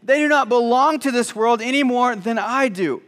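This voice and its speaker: A man's voice: very high voice, normal speed, fairly bright tone, big-room sound. A male pastor preaching a sermon in a church, talking in a conversational, joking way with frequent false starts and repeated words. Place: church sanctuary.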